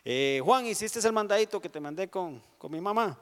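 A man's voice: high-pitched, lively intonation, normal speed, clear, resonant tone, voice pushed up. A man doing a friendly, breezy Jesus, light questions, slightly raised voice, long hall reverb. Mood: friendly, casual. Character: Jesus chatting casually with his disciples, friendly adult man.

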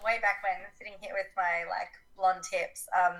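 Bright-voiced woman with a smoker's rasp. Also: fairly low pitch, level tone, moderate pace, poor audio. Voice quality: raspy, rough voice like a smoker's rasp. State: voice recovering from sickness. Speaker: podcast guest. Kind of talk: casual interview chat.

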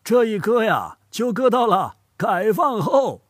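A man's voice: high-pitched, measured pace, breathy edge, no room sound, studio quality. An older man from Hubei playing a grandfather, explaining dialects in a scripted educational dialogue and chuckling as he goes. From Hubei, China. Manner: animated storytelling, chuckles often.

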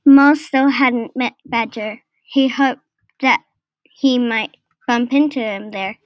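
A woman reading a children's storybook aloud, slow and careful. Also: fairly high pitch, fairly even intonation, dry recording. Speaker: narrator.

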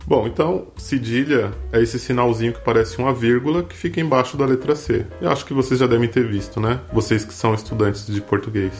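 A man co-hosting a Portuguese lesson podcast, who explains clearly and slows down to model words. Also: medium pitch, faint music behind. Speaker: podcast host teaching Portuguese pronunciation. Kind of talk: conversational language lesson.

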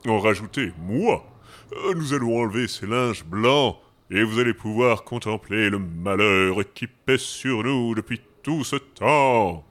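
A man voicing a weary fake ghost hiding under a sheet, with a gravelly, deep voice and a deflated, grumbling manner. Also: unhurried, a bit bright. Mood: indignant.

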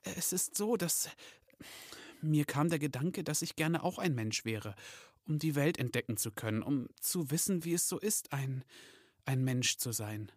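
A man's voice: fairly high pitch, lively intonation, normal speed, darkish tone, no echo, studio quality, pitched above the performer's own voice, close to an everyday voice. A man voicing a timid young male Christmas elf who hesitates and stammers, reading a storybook aloud. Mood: nervous. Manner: hesitant, stammering, slightly raised voice.

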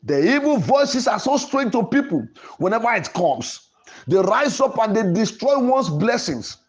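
Unhurried and sing-song, this high-pitched male voice belongs to a pastor hosting a programme. His Pentecostal sermon and prayer are emphatic and declamatory, with repeated phrasing, set against background music.

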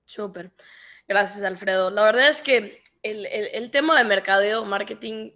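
A woman guest on a podcast interview, her voice at an everyday middle pitch. She talks in animated bursts, often restarting her phrases as she explains her ideas. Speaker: podcast host and speaker, guest. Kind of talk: conversational interview.

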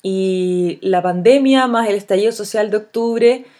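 A Chilean woman of around forty hosting a solo podcast. She talks in a thoughtful, earnest way and pauses often on fillers. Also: mid-range voice, warm tone. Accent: Chilean Spanish. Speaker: podcast host. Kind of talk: solo reflective podcast monologue.

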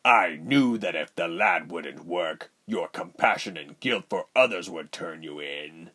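A man's voice: lively intonation, sharp tone, full character voice. A man doing a cold menacing general. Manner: slow, low, coldly threatening. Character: cold menacing male general, calm and cruel.

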